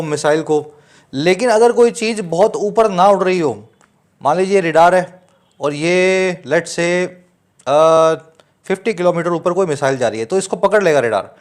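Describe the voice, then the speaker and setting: A man with an Indian accent teaching English newspaper vocabulary, explaining terms step by step and checking that students follow. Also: high voice. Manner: reads quoted English slowly. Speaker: English tutor. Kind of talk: Hinglish newspaper lesson.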